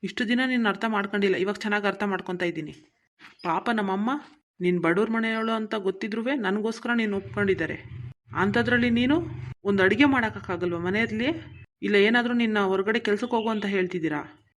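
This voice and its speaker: A woman's voice: medium pitch, fairly quick, close to an everyday voice. A woman voicing an impatient young husband in a cartoon, scolding his wife. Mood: angry. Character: angry young husband, the son. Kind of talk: cartoon voice acting.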